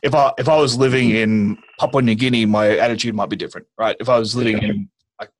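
A man's voice: lowish voice, fairly even intonation, quick pace. An Australian man speaking as a guest in a casual conversation, blunt and matter-of-fact with dry humor. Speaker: guest, violence management specialist.

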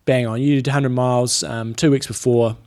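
A man's voice: medium pitch, steady tone, fairly quick, a little mellow. A man with a New Zealand accent co-hosting a podcast in casual, slangy sports chat about endurance training. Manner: informal, slangy. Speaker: podcast co-host.

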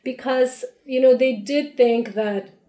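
A woman's voice: high-pitched, slow, roomy sound. A woman from Peru, a spirits brand founder, chatting animatedly as an interview guest with plenty of fillers. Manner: animated, playful, many fillers. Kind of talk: casual interview chat.

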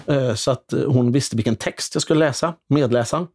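A man, an actor and comedian, telling theater anecdotes in a loose, animated way, often restarting with hesitations. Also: medium pitch. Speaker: stage actor and comedian guest. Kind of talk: casual anecdotal storytelling.

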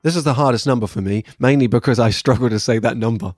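A man's voice: mid-range voice, quick pace, soft background music. A man from England with an English accent, talking casually and candidly as a solo podcast host reflecting on his work. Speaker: podcast host, workshop trainer.

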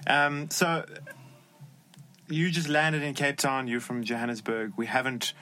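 A man speaking informally and a little haltingly as a podcast host and interviewer. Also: medium pitch, little pitch movement, pushed and bright, faint music behind. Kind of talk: casual podcast talk. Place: podcast studio.

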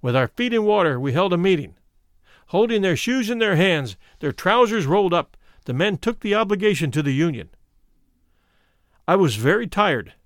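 A man reading a first-person memoir aloud in measured, steady storytelling narration. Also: sits high, no room sound, clean studio sound. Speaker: reader.

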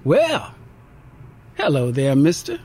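A man's voice: mid-range voice, huge pitch swings, slow pace, warm tone, slightly rough, full character voice. A man voicing a friendly young woman diner waitress with a faint Southern twang, chatty and teasing.

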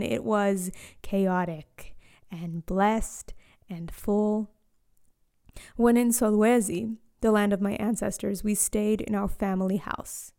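Born in Eswatini to Zambian parents, then raised across South Africa, Australia and Canada, this woman in her late twenties narrates a scripted, reflective first-person story. Her medium-pitched voice is mellow with a light gravel, and she keeps a slow, quiet, lyrical pace, letting some lines fall to a soft hush.

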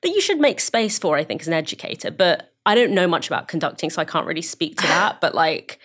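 A woman university educator speaking as a guest in a casual panel discussion, thoughtful and measured. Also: on the low side, big pitch swings, fairly bright tone, slightly rough. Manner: thoughtful, measured, many fillers.

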